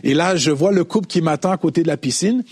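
A man, a pastor and guest on a TV studio set, tells a faith testimony as an animated storyteller. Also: fairly high pitch, fast, breathy edge. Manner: animated storyteller, shouts when reenacting preaching.

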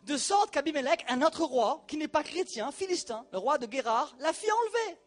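A male preacher delivers an animated, colloquial sermon, addressing the congregation directly. His voice is extremely high-pitched, and he speaks at a moderate pace.

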